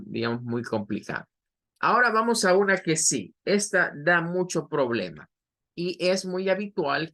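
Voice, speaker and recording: Male English teacher, patient explainer, middle pitch, models words slowly. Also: sharp tone. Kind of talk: online pronunciation lesson.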